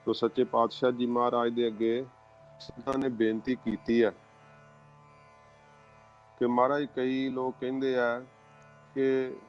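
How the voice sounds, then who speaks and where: Slow careful man teaching scripture recitation. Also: mid-range voice, little pitch movement. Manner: slow, careful, spells out syllables and pauses. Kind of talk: religious pronunciation lesson. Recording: dull lo-fi recording with faint background music.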